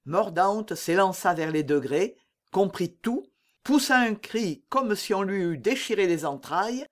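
Narrator for a classic adventure audiobook; animated, rising and falling delivery. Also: mid-range voice, measured pace. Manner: lively, animated storytelling. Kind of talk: expressive audiobook reading of a classic novel.

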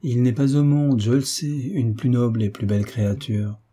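Man reading as lovesick young duke, desperate, dark husky voice. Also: mid-range voice, moderate pace, lightly acted. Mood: anguished. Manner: impassioned, despairing. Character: anguished young nobleman in love.

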